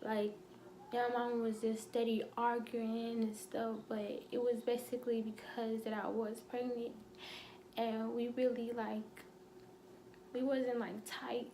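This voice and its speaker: A young woman telling a painful personal story, halting with many fillers and fighting back tears. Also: a little high, level tone, mellow, a little hiss or hum. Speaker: vlogger.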